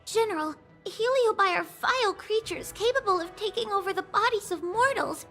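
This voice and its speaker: Very high, timid girl judge. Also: moderate pace, fairly bright tone, soft background music. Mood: anxious, deferential. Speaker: video game character voice. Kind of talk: game dialogue acting.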